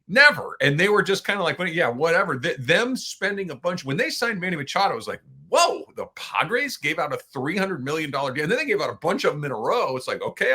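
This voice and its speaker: A middle-aged man co-hosting a sports podcast, giving opinionated, animated takes on baseball. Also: on the high side, slightly rough. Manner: opinionated, animated, quotes people in asides. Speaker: podcast co-host.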